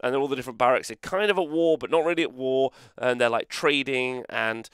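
A man hosting a casual gaming podcast, rambling and animated, with mock-outraged banter. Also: mid-range voice, brisk, clean tone, no room sound, studio quality. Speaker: host.

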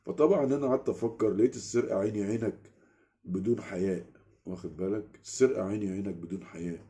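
Egyptian man, low gravelly voice, rapid casual storyteller, animated. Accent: Egyptian Arabic. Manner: animated, keeps asking the listener "you get it?". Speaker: vlogger. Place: small room at home.

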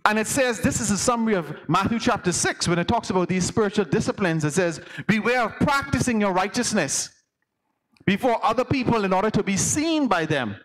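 Bahamian elder preaching, fairly high voice, talks to the congregation like a chat. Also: male voice, lively intonation, fairly quick. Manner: conversational preaching, asks the congregation questions. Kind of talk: sermon.

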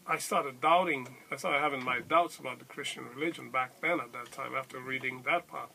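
A middle-aged man from Senegal, recounting his life story in a casual, hesitant way with many pauses and restarts. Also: medium pitch, creaky, bright, forceful tone, a little hiss or hum. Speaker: convert telling his story. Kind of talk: casual spoken testimony.

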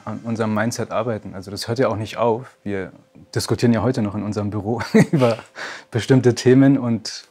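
A man's voice: mid-range voice, a little mellow, husky. A man in his forties, a martial arts school owner, speaking plainly and upbeat in a testimonial interview. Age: 40s. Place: bright room with curtains, indoors.

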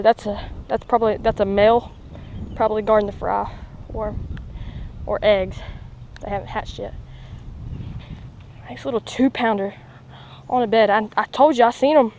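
Excited young man outdoors. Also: very high-pitched, a little hiss or hum, poor audio. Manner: excited, rambling, lots of fillers. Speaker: fishing vlogger. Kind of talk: casual outdoor commentary. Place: outdoors by a pond.

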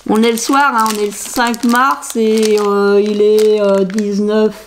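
A woman's voice: mid-range voice, little pitch movement, slow pace. A middle-aged woman, chatting casually and rambling as she shows off a craft shopping haul, laughing at herself as she goes. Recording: faint background noise with crinkling bags.

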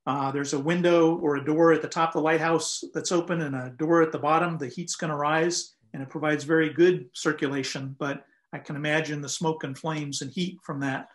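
Older male historian guest, slightly high voice, measured storytelling with fillers, video-call sound. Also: steady tone. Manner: measured, explanatory, frequent "um" and "uh". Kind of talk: conversational historical account. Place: home room, indoors.

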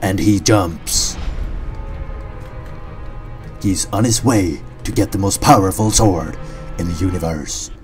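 A man's voice: low-pitched, slow pace, long pauses. A man voicing a grave, dramatic movie-trailer narrator in weighty epic style over video game footage. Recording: loud music behind. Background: music.

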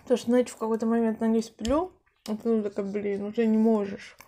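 A young woman chatting casually to viewers while chewing food, in a confiding tone with soft mumbled asides. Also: a little high, level tone, quick pace. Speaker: mukbang vlogger. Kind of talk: casual chat to camera while eating.

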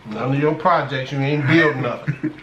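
A man's voice: mid-range voice, normal speed, a bit bright, muffled recording. A man on a food vlog, chatting casually and teasing in joking banter. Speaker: mukbang vlogger. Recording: echoey room with clear background noise.

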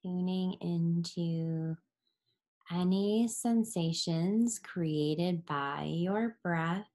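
Guiding a relaxation session, a female yoga instructor speaks in a lowish, slightly mellow voice. She stays calm and unhurried, pausing at length and letting her phrases end breathily.

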